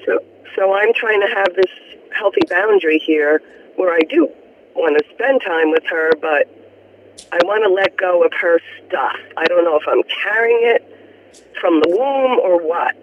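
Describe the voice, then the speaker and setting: This radio call-in caller, a woman from Florida, speaks expressively at a moderate pace in a lowish voice. Earnestly and at length, she rambles about her troubles and openly discusses family difficulties. Her call sounds tinny, with faint hiss from the phone line.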